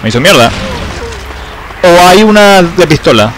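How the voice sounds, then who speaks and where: A man playing a horror game and commenting excitedly, swearing loudly and dropping English exclamations into his talk. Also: high voice, measured pace, a little hiss or hum. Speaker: let's play gamer.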